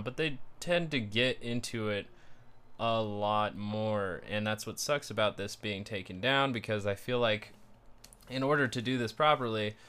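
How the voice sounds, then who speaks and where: A man giving rambling, sardonic solo commentary in a casual self-described monotone, with frequent fillers and restarts. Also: fairly low pitch, clean tone. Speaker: commentary streamer.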